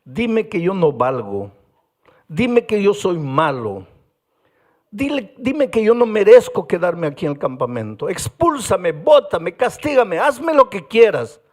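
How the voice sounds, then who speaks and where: Man doing an angry teenage boy, raised pitch, loud, defiant, Peruvian Spanish accent. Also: unhurried, slightly rough. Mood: pleading. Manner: shouting, then pleading through tears.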